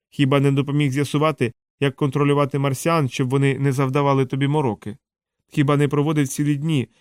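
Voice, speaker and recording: A man voicing a gentle, timid male alien robot who pleads in a hurt, higher voice. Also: no echo, studio quality, close to an everyday voice. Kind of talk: audiobook character reading.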